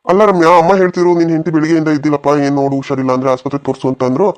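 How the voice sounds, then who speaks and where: A man voicing a village neighbor and a husband in a cartoon comedy, reasoning in a plain, hurried way. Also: a little high.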